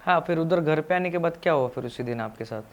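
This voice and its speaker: A woman interviewer asking brisk, short follow-up questions. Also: low-pitched, expressive, a little hiss or hum.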